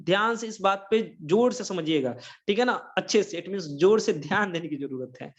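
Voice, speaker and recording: High-voiced Indian man teaching a class. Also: expressive, normal speed, highs cut off. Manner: mixes Hindi and English, repeats checking questions. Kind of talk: online English grammar lecture.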